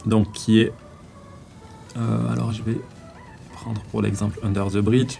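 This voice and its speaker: A man with a French accent giving a casual, slangy music-marketing tutorial, often pausing with fillers while walking through an upload. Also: on the low side, flat delivery, gravelly, warm tone. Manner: slangy, hesitant with many fillers while clicking. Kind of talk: casual screen-recorded tutorial.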